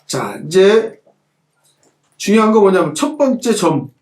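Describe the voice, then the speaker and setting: A man's voice: high-pitched, sing-song, measured pace, darkish tone, roomy sound. A middle-aged man teaching a calligraphy class as he demonstrates, repeating points and asking the students rhetorical questions. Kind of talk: hands-on lesson while demonstrating.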